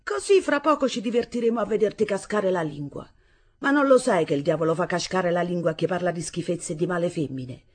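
A woman's voice: fairly low pitch, brisk, a little mellow, husky. Woman doing a lazy, scornful father. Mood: mocking. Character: lazy mocking young father, sprawled in bed.

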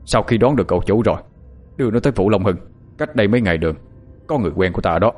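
A man's voice: lowish voice, animated, racing, a little mellow, soft background music. A man playing a grave middle-aged mandarin father in an audiobook, giving solemn, urgent instructions. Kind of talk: audiobook character acting.

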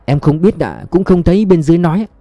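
Give me a man playing a respectful young cop, soft-spoken, mellow. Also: on the high side, expressive, fast talker, dry recording, pitched above the performer's own voice. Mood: deferential. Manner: polite, subdued. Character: young male police subordinate, deferential and cautious.

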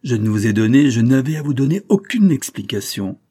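A man's voice: medium pitch, big pitch swings, brisk, dark tone, slightly rough, pitched above the performer's own voice. A man voicing a sly masked detective who answers with bold, ironic defiance. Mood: defiant.

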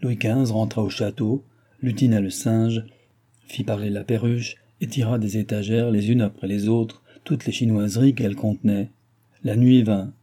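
A man narrating a classic novel as an audiobook, in a measured, steady way. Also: on the low side, slightly rough. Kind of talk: scripted narration.

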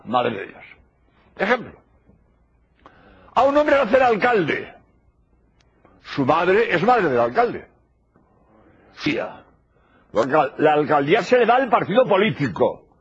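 Older man, preacher, husky voice, lively high pitch, dull lo-fi tape sound. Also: a little slow, long pauses. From Spain. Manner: emphatic, repeats key phrases. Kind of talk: religious lecture. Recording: dull lo-fi old tape recording.

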